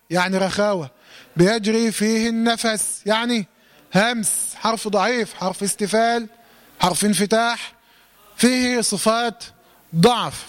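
A man with an Egyptian Arabic accent teaching Quran recitation to a class, quizzing them with questions and demonstrating words slowly. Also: sits high. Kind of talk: lesson to a class.

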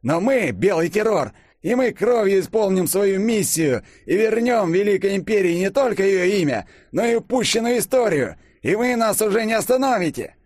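A man voicing a fanatical male monarchist villain in an audiobook, ranting in a shrill, frenzied way. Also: expressive, moderate pace, few pauses, darkish tone, no room sound, studio quality. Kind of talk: audiobook character voice.

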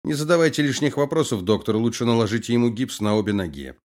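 A man reading an audiobook, voicing a cold, calm male colonel who gives orders and gloats. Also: medium pitch, quick pace, lightly acted. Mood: cold, commanding.

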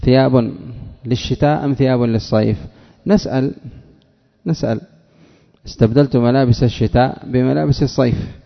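A gravelly, mid-range voice belongs to a sheikh giving a classroom lesson on Arabic morphology, where he repeats examples and puts questions to students by name. His intonation is fairly even and his pace moderate. It is a dull lo-fi recording in a reverberant hall.

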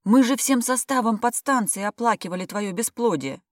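A woman voicing a loud, sharp paramedic woman. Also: normal speed, no echo, studio quality, lightly acted. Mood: startled. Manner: loud, high and sharp, scolding. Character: blunt brusque woman paramedic partner.

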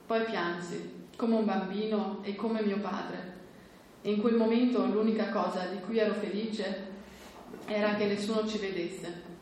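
Woman reading a story aloud, very echoey. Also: mid-range voice. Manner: measured, steady narration. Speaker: reader at a book presentation. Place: hall at a book presentation. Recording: very echoey room, faint background noise.

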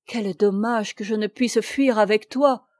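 A woman voicing a gentle young woman from a storybook, speaking tenderly and with sorrow. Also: medium pitch, a little slow, dry recording, close to an everyday voice. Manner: tender, soft-spoken.

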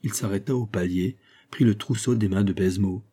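A man narrating an audiobook in a measured, even reading. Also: fairly low pitch, breathy edge.

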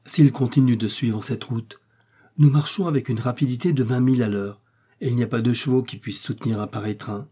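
A resolute male explorer doctor, voiced by a man reading aloud gives calm, measured commands. His voice is warm and husky and sits a little above the narrator's pitch. This is a storybook reading. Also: close to an everyday voice. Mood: reassuring. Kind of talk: audiobook character reading.

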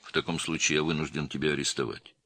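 Cool, insistent officer read by a man, steady and firm, bright tone on a dry close recording. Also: a bass voice, no echo, heavily acted. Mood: calm. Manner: calm, measured, insistent. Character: calm, firm male police lieutenant colonel.

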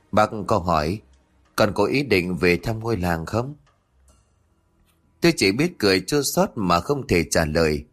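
Male audio-story narrator, low voice, measured and earnest. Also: fairly bright tone. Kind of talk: scripted narration of a ghost story.

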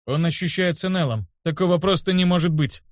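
A wary young gang leader, protective of his people, as a male narrator reads him. He speaks low and suspiciously. The recording is close and dry. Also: fairly quick, no echo, lightly acted.

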